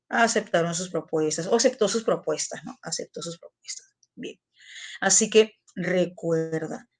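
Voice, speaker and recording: A middle-aged woman teacher giving a classroom lesson, repeating key terms and putting questions to her students. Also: lowish voice.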